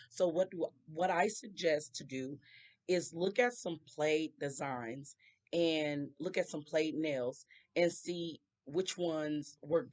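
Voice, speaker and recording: A woman with a hoarse, scratchy voice talks viewers through a nail tutorial in a chatty way, drifting into rambling asides. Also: sits low. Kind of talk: casual tutorial voice-over.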